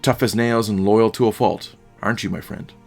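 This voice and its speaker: Modest young hobbit wanderer, voiced by a man, low and plain-spoken. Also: steady tone, moderate pace, gravelly, a little mellow, faint music behind.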